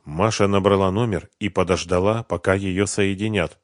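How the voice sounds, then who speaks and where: A man narrating an audiobook in an even, measured reading. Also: deep voice, no room sound, clean studio sound. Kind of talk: scripted narration of a thriller novel.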